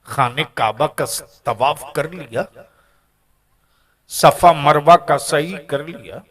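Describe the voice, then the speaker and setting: A man preaching a fiery religious sermon to a gathering, booming and drawn out, urging the crowd to call back. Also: takes it slowly, a bit bright.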